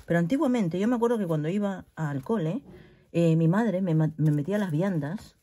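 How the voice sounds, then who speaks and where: Chatty woman from Spain, lowish voice. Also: fairly quick. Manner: chatty and animated, often laughing. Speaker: craft vlogger. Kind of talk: casual chat unboxing a gift. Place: at home in her craft room. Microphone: laptop mic.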